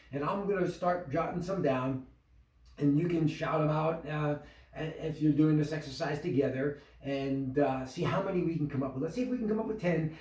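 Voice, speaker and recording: Guy teaching a business workshop, kinda high pitched, lively, sounds far off in an echoey room. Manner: animated, questioning, demonstrates tones aloud. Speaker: small business trainer. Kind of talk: instructional talk to a group.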